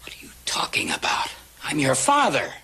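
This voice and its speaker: Anxious middle-aged American dad, TV western, bright and very expressive, hushed pleading. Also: male voice, mid-range voice, moderate pace, whispered, heavily acted. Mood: alarmed, baffled. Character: anxious, gentle, pleading father of a grown daughter. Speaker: actor in a TV western. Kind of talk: 1960s television western acting.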